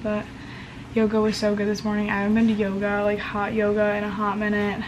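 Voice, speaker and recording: A young adult woman with a hoarse voice that is giving out, chatting casually as a college student vlogger. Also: medium pitch, monotone, brisk, background noise. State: losing her voice after screaming. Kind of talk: casual vlog chat. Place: small bedroom, indoors. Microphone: camera at about arm's length.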